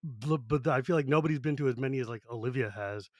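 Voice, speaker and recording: A man's voice: mid-range voice, fast, no room sound, clean studio sound. A man hosting a podcast in a chatty, wry, casual style, often restarting his thoughts. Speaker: podcast host. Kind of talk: casual chat.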